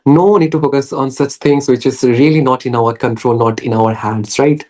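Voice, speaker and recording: Young Indian English trainer, earnest and encouraging, chatting as a podcast guest. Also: male voice, mid-range voice, moderate pace, darkish tone. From West Bengal, India. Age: young adult. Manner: earnest, coaching. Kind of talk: casual podcast conversation.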